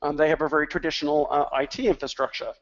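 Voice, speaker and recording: A man's voice: a little high, steady tone, very fast, highs cut off. A man speaking as an industry analyst on a webinar, rambling, with many fillers and restarts. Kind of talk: webinar talk.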